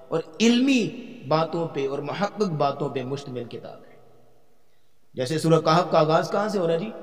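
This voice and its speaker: A man lecturing as a Quran teacher in a hall with a long, lingering reverb. His voice sits a little high for a man. He explains step by step, quizzes his class and slows down to chant verses. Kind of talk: tafsir lecture.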